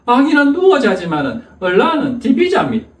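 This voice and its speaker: A pastor putting on a stubborn, pedantic old school principal. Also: male voice, very high-pitched, wildly swooping pitch, brisk, pitched above the performer's own voice, heavily acted. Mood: insistent. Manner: insists curtly, keeps repeating that the words differ. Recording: echoey church hall, distant mic.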